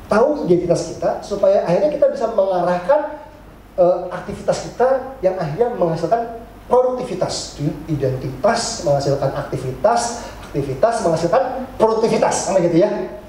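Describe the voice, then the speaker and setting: A middle-aged male pastor giving a lively, joking sermon, acting out his congregants' complaints. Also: on the high side, a little hiss or hum. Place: church hall. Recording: very echoey church hall.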